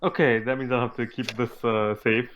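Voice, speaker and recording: A man's voice: mid-range voice, little pitch movement, moderate pace, a bit bright. A man playing a tabletop game, chatting casually. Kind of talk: casual chat. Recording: clicky, noisy mic.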